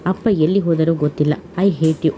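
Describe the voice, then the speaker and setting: A woman's voice: low voice, steady tone, moderate pace, mellow, slight background noise, natural voice. A woman narrator voicing a young female student who speaks with bitter defiance. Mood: vengeful.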